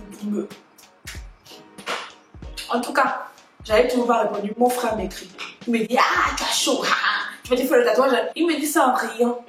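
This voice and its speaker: A young woman vlogger telling a personal story in an animated, dramatic way. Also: fairly high pitch. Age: young adult. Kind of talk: storytime vlog. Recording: very echoey room.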